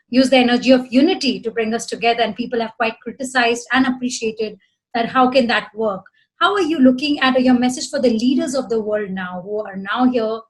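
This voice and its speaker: A woman's voice: fairly high pitch, poor audio. A woman hosting a podcast, asking long, rambling interview questions. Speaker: podcast host.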